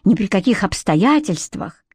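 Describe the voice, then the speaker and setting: A woman's voice: mid-range voice, big pitch swings, measured pace, darkish tone, husky, dry recording, studio quality, full character voice. A woman voicing a strict male member of a fairy council. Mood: stern. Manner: stern, reproachful.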